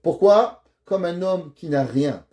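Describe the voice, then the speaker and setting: A man's voice: sits high, takes it slowly. A man, a rabbi, giving a Torah lesson and telling stories, acting out the dialogue. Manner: animated storyteller who acts out dialogue.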